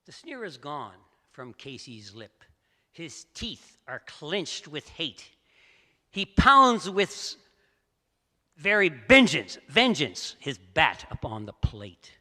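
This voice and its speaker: A male storyteller giving a theatrical poetry recitation, swinging from hushed lines to loud outbursts in a large assembly hall. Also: fairly high pitch, big pitch swings, slow. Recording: echoey hall.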